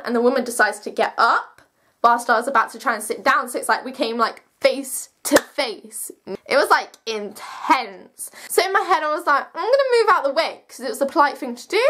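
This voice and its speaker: A young woman of seventeen with a high-pitched voice tells a personal story to camera. Her delivery is casual and animated, full of slang and emphatic swearing. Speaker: vlogger telling a personal story.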